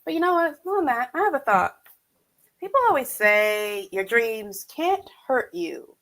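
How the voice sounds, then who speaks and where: A woman author reading her own story aloud at an online event, chatty and animated between passages, heard over a video call. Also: a little high, a little slow.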